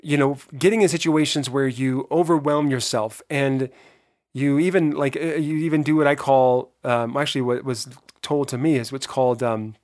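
A man with a hoarse voice giving an earnest, emphatic motivational podcast monologue, talking straight to listeners. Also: medium pitch, fairly even intonation, moderate pace, a little mellow. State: hoarse voice from being run down. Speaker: podcast host.

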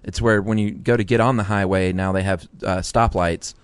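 Low, smooth-voiced wry man chatting. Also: steady tone, normal speed, dry recording. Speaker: podcast co-host. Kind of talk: casual chat. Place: lives in Atlanta.

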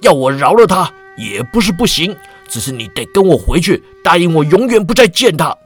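A man voicing a domineering old male eunuch lord who scolds sternly, his voice rising high when angered. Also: sing-song, fairly quick, breathy edge, soft background music. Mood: angry, scolding.

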